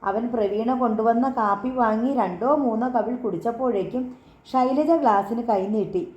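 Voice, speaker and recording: A woman reading a novel aloud in steady, measured narration. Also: on the high side, echoey room, dull audio. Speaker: audiobook narrator. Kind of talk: scripted story narration.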